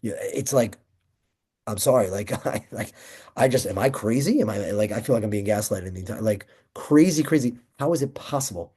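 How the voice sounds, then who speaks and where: A young man teaching an informal Torah class, emphatic and excitable, rambling between points. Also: fairly low pitch, moderate pace, slightly rough.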